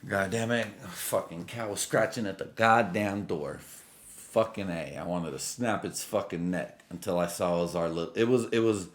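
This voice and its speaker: A vlogger in his late twenties, low-pitched and speaking at a normal pace, rambles through a drunk, loose solo rant. It's casual and packed with slang and swearing.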